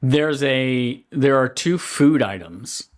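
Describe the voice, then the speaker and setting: A man's voice: mid-range voice, expressive, slow pace. A man co-hosting a podcast in casual conversation, telling stories and swearing freely. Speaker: podcast co-host. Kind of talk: casual chat.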